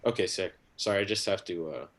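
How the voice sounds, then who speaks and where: A man's voice: low-pitched, fast talker, fairly bright tone. A man from Jamaica doing a stand-up set from his home for a livestream, rambling with lots of "like" and "um" and crude jokes. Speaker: stand-up comedian.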